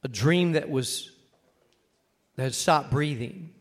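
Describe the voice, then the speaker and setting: A pastor delivers a sermon in a slightly high voice, using short, weighty phrases, dramatic pauses and emphatic repetition.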